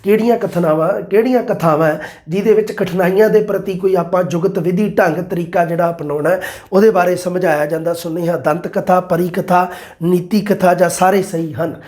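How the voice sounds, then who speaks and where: High-voiced man teaching. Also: fairly even intonation, darkish tone. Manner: addresses listeners as "bai", quotes verses slowly. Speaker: exam prep teacher. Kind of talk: explaining multiple-choice answers.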